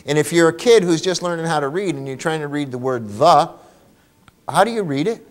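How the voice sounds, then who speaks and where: A man giving a lively workshop talk to teachers, asking rhetorical questions and checking in with the room. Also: a little high, fairly quick. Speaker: teacher trainer.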